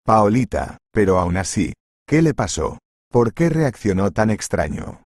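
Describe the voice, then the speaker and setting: A man's voice: on the low side, very animated, measured pace, darkish tone, dry recording, clean studio sound. A man voicing a stern, fair-minded male restaurant boss who speaks firmly in a storybook reading. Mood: concerned. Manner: firm, corrective.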